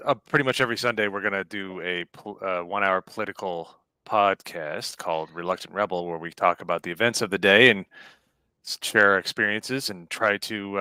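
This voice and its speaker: A man's voice: lowish voice, pushed and bright, smooth, no echo. A man, a guest on a podcast, plugging his own show with a hesitant delivery full of filler words. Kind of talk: casual sign-off plug.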